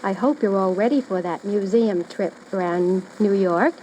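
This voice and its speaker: A woman's voice: medium pitch, normal speed, warm tone. Woman quizmaster, noisy old radio. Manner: formal, carefully phrased address to children. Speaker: quizmaster and host. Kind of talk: hosting a children's radio quiz. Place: radio studio.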